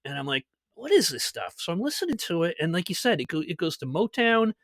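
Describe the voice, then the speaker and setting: A man hosting a podcast, telling stories in a lively casual way and laughing at his own jokes. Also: fairly high pitch, quick pace, no echo, clean studio sound. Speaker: podcast host. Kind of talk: casual chat.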